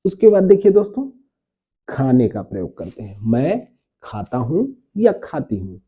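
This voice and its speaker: A man's voice: medium pitch, very animated, normal speed, slightly rough. A man teaching a spoken grammar lesson to viewers, repeating words and spelling them out letter by letter, calling his viewers friends. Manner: addresses viewers warmly as friends. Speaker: English teacher. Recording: tinny phone-like audio.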